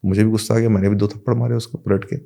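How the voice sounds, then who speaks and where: A man's voice: fairly low pitch, level tone, very fast, creaky, warm tone. A man, a podcast guest, casually telling a personal anecdote and acting out the back-and-forth of what people said. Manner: retells events with many quoted exchanges.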